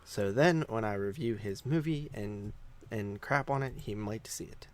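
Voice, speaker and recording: In a fairly low, darkish voice, a little on the slow side, a man co-hosts a podcast about movies. His film chat is relaxed and conversational, frequently circling back to earlier points.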